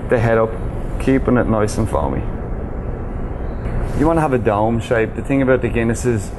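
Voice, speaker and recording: A man's voice: mid-range voice, lively intonation, moderate pace. Dublin man explaining over background noise. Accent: Dublin Irish. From Ireland. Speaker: bartender demonstrating a pour. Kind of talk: informal spoken tutorial. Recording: clear ambient hum and background noise.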